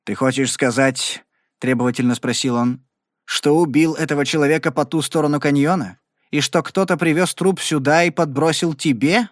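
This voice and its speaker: A stern, gruff sheriff with a gray mustache, as a male audiobook reader voices him, demanding and firm. His voice sits a bit high for a man, and the recording is dry and close. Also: normal speed, dry recording, lightly acted. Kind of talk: audiobook reading.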